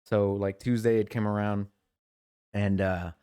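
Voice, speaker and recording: A man's voice: fairly low pitch, little pitch movement, unhurried, warm tone, clear, resonant tone, no echo, clean studio sound. A man co-hosting a podcast, telling long rambling stories about his work week in casual chat and quoting coworkers. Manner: rambling storyteller, mimics coworkers in quotes. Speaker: podcast co-host.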